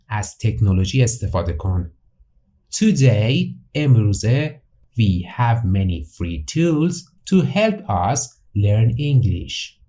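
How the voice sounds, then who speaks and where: Man, bilingual English lesson, slow careful English, quick translations, lively intonation. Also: medium pitch. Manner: reads English slowly and clearly, then translates quickly into Persian. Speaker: English teacher.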